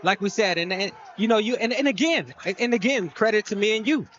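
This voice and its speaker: A man doing casual live boxing commentary, excitable and streetwise, repeating phrases and tossing in coaching tips. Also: high-pitched, fairly quick. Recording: muffled mic amid noisy fight crowd. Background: fight crowd.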